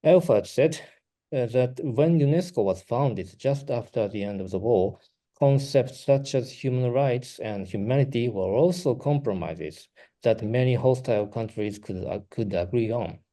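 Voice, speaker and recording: Here a Japanese-accented man, Japanese by first language, reads out a prepared academic talk in his role as a researcher. His delivery is careful with brief pauses, and his mid-range voice sounds mellow.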